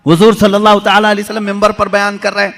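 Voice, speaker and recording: A man preaching an emotional sermon, swinging between loud drawn-out peaks and quieter telling. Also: high voice, monotone, gravelly.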